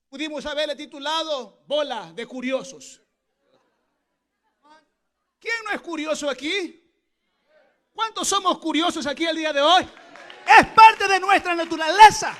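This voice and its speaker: A man pastor delivering an impassioned Pentecostal sermon at a church service, often rising into shouted exclamations. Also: extremely high pitch, measured pace, long pauses.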